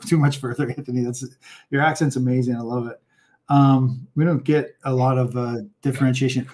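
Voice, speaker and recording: A man hosting an interview show, chatting enthusiastically and casually, with lots of fillers and restarts. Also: medium pitch. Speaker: podcast host.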